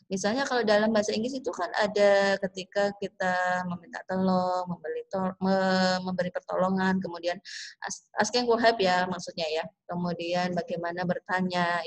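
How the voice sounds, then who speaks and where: Indonesian-accented woman teacher, slow and explanatory, lecturing a class. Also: medium pitch. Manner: slow, explanatory, drawn-out English phrases. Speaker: English teacher. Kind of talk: online class lecture mixing English and Indonesian.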